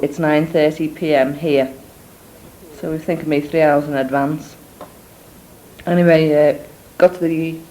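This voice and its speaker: A woman's voice: sits low, warm tone, low-quality recording. A young woman with a mixed Scouse and Scottish accent, rambling through a spoken cassette letter to family, full of ums and asides, recorded indoors on a cassette recorder. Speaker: letter writer. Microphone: cassette or dictaphone recorder.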